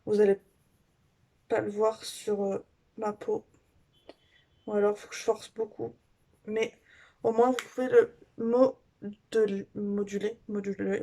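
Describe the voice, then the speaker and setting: A woman beauty vlogger chatting casually through a makeup haul review, gushing and filling pauses with little fillers. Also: mid-range voice, warm tone.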